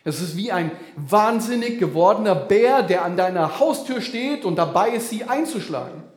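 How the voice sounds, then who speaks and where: Animated high-voiced male preacher. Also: normal speed, roomy sound. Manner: animated, vivid comparisons, addresses listeners directly. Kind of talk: sermon.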